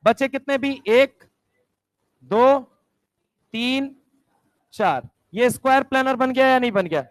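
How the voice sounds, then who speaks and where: High-voiced man drilling a chemistry class. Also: expressive, takes it slowly, no echo. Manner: drills students with repeated questions. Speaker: chemistry teacher. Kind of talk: classroom lecture.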